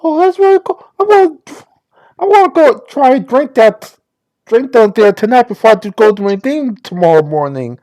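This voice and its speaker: A woman's voice: a little high, animated, normal speed, warm tone, close to an everyday voice. A woman voicing a bubbly, gushing sorority-girl druid with a Valley Girl accent in a tabletop game.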